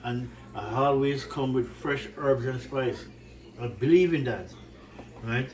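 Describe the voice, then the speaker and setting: Recorded in poor audio from a distance with slight background noise, a Jamaican man speaks slowly in a medium-pitched voice. He rambles warmly and repetitively to his cooking channel viewers in his home kitchen, frequently tossing in "right?".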